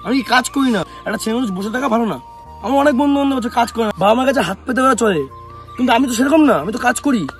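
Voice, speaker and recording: High-voiced young man answering critics. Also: lively intonation, quick pace, soft background music. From West Bengal, India. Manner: defensive, rhetorical questions, calls viewers bhai. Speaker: vlogger. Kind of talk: casual talk to camera answering comments.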